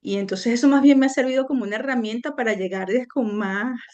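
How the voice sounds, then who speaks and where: A middle-aged Venezuelan woman, a guest in an interview, tells her own story earnestly and reflectively, hesitating frequently. Her fairly high voice is a little mellow and moves at a quick pace, and the audio sounds dull.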